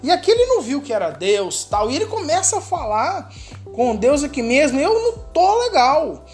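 A woman's voice: high voice, sing-song, soft background music. Emphatic woman preacher. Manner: emphatic, slowing to soft, hushed stretches. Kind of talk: sermon.

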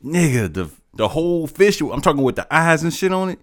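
An American man chatting casually in a slangy, profane, animated frat-bro manner. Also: on the high side, brisk, no echo, studio quality. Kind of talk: casual chat.

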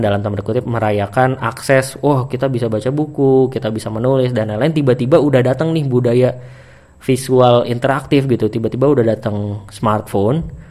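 A young man from Indonesia, talking to camera in a relaxed, chatty monologue full of fillers and restarts. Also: mid-range voice. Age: young adult. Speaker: vlogger. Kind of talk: casual monologue.

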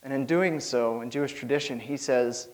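A man's voice: mid-range voice, moderate pace, low-quality recording. Young guy nervously preaching at church, rambly, lots of ums and little laughs. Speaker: church soundboard volunteer giving a sermon. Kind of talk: informal church sermon and storytelling.

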